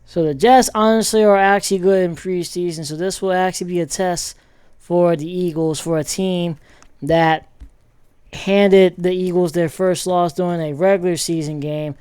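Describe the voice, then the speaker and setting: Man, rambling football vlog commentary, fairly high voice, smooth and clear, dry close sound. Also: fairly even intonation, normal speed, a little mellow, dry recording. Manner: rambling, many ums and restarts. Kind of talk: casual sports commentary vlog.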